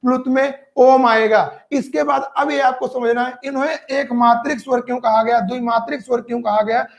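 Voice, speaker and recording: A man's voice: extremely high pitch, steady tone, moderate pace, creaky. A man teaching Hindi grammar in an exam-prep lecture. He drills each term by repetition, asks questions and answers them himself, and speaks straight to his students. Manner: addresses students directly.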